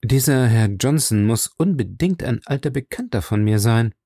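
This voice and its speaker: A man voicing a shrewd, calm detective who speaks measured and thoughtful. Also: mid-range voice, gravelly, husky, no echo, clean studio sound. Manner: measured, thoughtful, quietly probing.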